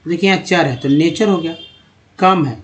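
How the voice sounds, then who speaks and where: A man teaching English pronunciation over slides, drawing out and repeating sounds slowly so learners can copy them. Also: a little high. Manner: drawn-out, repeating words slowly to show pronunciation. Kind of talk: slide-based phonics lesson.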